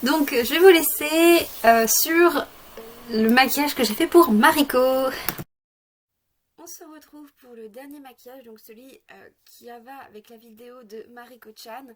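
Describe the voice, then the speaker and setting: A woman's voice: high voice, unhurried, slight background noise. A woman chatting through a casual makeup tutorial, hesitant with lots of fillers, a bit sick. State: sick, occasional coughing. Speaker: makeup vlogger.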